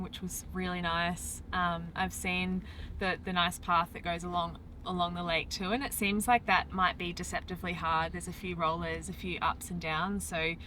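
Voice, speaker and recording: A woman triathlete chatting casually in an interview outdoors, relaxed, with frequent ums and little laughs. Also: fairly low pitch, slight background noise, low-quality recording. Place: outdoors by a lake.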